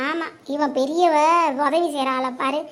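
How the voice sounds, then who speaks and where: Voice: steady tone, a little slow. A performer voicing a quarrelsome elderly mother in a cartoon, nagging and hurling insults at her son. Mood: scolding. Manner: shrill nagging scolding, insults. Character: quarrelsome elderly mother, sharp-tongued and scolding. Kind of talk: cartoon comedy voice acting.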